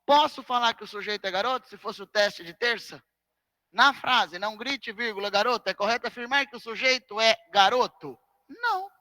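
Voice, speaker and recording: Lively, bright-voiced male grammar teacher. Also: very high voice, no echo. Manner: quizzes the class with repeated rhetorical questions; drags out key words slowly for emphasis. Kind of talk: classroom grammar lesson. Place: classroom.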